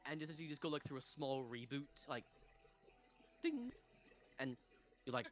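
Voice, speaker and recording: Game master, casual stop-start narration, mid-pitched, soft music bed. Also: steady tone. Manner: casual, halting narration with restarts.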